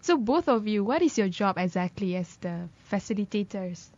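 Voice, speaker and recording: A woman's voice: medium pitch, animated, normal speed, a little mellow, no echo. A woman hosting a radio talk show, chatty and teasing, laughing easily with her guests. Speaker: radio host. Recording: slightly dull lo-fi studio audio.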